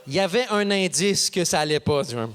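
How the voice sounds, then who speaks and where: Guy doing standup, kinda high voice, animated, does little voices for everyone. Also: brisk, smooth. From Canada. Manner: animated, acts out characters with voices. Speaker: stand-up comedian. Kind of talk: stand-up storytelling. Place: theater stage before an audience.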